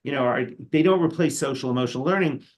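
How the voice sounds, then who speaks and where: An older man tells a story on a discussion panel. He talks in a chatty, rambling way, with fillers and restarts. His voice sits at an ordinary middle pitch. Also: quick pace.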